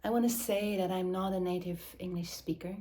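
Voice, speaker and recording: A woman from Switzerland, speaking English as an in a slow, searching, reflective address, often dropping into soft whispers. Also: fairly low pitch, fairly even intonation. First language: Swiss German or Dutch. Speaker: mother and movement teacher. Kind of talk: reflective spoken address to camera.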